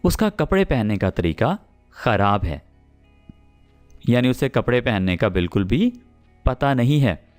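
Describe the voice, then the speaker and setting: Very animated, a Pakistani man leads a spoken English lesson, lingering on every example sentence and repeating it slowly. He checks on his students with "theek hai?" as his pitch rises and falls widely, while faint music can be heard behind him. He is an English teacher who explains patiently.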